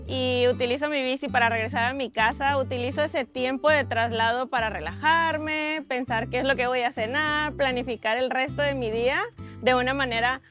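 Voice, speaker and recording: A young woman from Monterrey, Mexico, calmly answering interview questions. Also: high-pitched, normal speed. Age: young adult. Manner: calm, practical, with fillers. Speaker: interview guest. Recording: faint music underneath.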